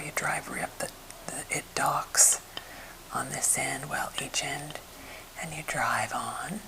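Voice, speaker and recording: A woman's voice: low voice, rough recording. Whispering American woman, ASMR finger-tapping chat. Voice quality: soft, breathy whisper. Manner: gentle, unhurried rambling storytelling. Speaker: ASMR creator showing wooden objects.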